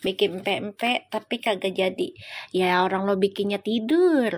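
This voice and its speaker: A woman's voice: medium pitch, measured pace. A middle-aged woman, a tarot reader telling a story casually to her livestream viewers, chatty and laughing often.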